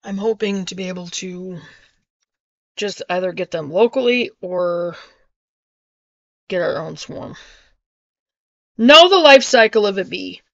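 A middle-aged homesteading vlogger, filmed by webcam in her small wood-panel-ceilinged kitchen, reads an article aloud with casual asides, stumbling over and repeating the harder words. Her fairly low, slightly bright voice is animated yet measured, with vocal fry and frequent pauses. There's no echo, but the audio is dull.

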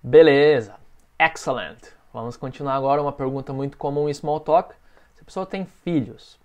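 In a mid-range, slightly mellow voice with the highs cut off, a man with a Brazilian Portuguese accent leads a beginners' English lesson. He patiently drills phrases and delivers each model sentence slowly.

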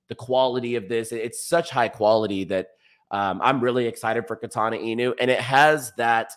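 A young American man hosting a show, giving casual, enthusiastic and slangy market commentary. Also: medium pitch. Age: young adult. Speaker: crypto show host. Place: small indoor room, streaming setup.

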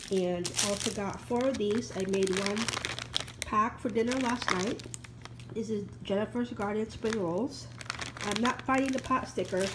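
Sounding stuffed-up and congested, a thirty-something woman rambles casually with lots of ums as she shows off items from her haul at a table at home. This vlogger has a mid-range voice, and background noise is audible.

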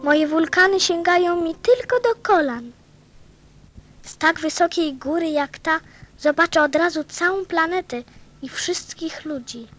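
A woman's voice: very high-pitched, unhurried, a bit bright. A woman playing a lonely, curious, innocent little boy prince in a radio play. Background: faint music.

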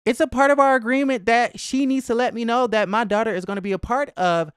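This young adult man talks fast in an extremely high, fairly bright voice, delivering sassy, slang-heavy, emphatic celebrity gossip in a conversational style. His tone is smooth and the recording dry, made close to a boom-arm podcast microphone in a small home room.

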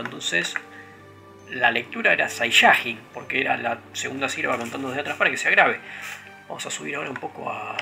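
A man's voice: medium pitch, vocal fry, sharp tone. A man with a Rioplatense Spanish accent giving casual, digressive gameplay commentary full of fillers. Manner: rambling, digressive storytelling with frequent fillers. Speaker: let's play host. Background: video game music.

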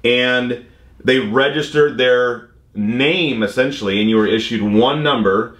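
In his fifties, this American man is a vlog host and commercial drone pilot who explains things casually, walking viewers through the details at a measured pace. His pitch is average and his tone fairly bright. He's recording in an indoor workshop or studio room, where the roomy space adds clear echo.

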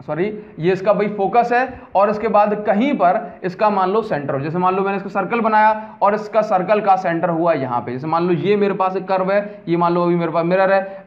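A man's voice: sits high, highs cut off. A man teaching a physics lesson in a lecture style, repeating key terms and checking that students follow. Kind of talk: classroom lecture.

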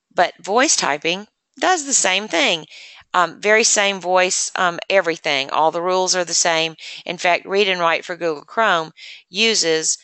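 Low, bright-voiced woman demonstrating software. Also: clean tone, no room sound. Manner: chatty, explains step by step with many fillers. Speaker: assistive technology presenter.

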